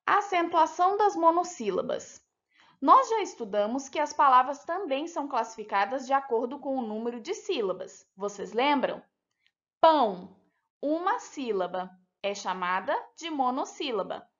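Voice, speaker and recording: A woman teacher with a Brazilian Portuguese accent, talking children through a lesson with slow, clear, deliberate pronunciation. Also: high-pitched, sing-song, fairly bright tone. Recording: dull lo-fi sound.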